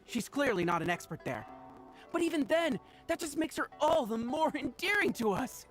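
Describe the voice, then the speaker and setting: A woman's voice: sits high, sing-song, normal speed, faint music behind. A woman voicing an adoring young fan-club member in a video game, who talks in a gushing way.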